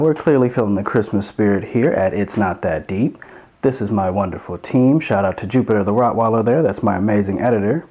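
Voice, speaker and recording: Male host, chatty and playful, warm low voice, muffled recording. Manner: playful, chatty, swears casually. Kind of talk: casual movie commentary.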